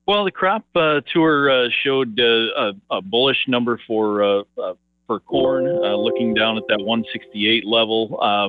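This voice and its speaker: A man speaking over the phone as a market analyst guest, halting and full of filler words and restarts. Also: fairly low pitch, no room sound. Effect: heard over the phone. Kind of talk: phone interview on grain markets. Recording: tinny phone line, dry.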